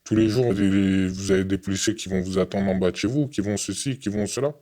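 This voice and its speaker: A young man from France giving an earnest, halting interview testimony, often repeating his words. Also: low voice, fairly even intonation, dark tone.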